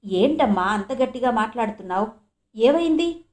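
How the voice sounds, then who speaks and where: Woman reading as a gentle old grandfather. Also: fairly high pitch, expressive, moderate pace, lightly acted. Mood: soothing. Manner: soft, comforting. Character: gentle elderly grandfather, soothing.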